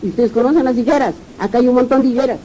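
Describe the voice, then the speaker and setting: A woman's voice: on the high side, racing, dark tone, a little hiss or hum, rough recording. A woman pastor with a Peruvian Spanish accent, preaching a sermon, reading verses aloud and asking the congregation questions.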